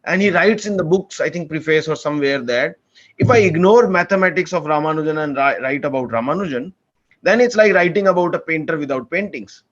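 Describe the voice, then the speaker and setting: On lo-fi audio, a fairly high-pitched, brisk male voice belongs to a young PhD student from India. He's a podcast guest in a relaxed interview, eager and sincere, frequently starting his sentences over.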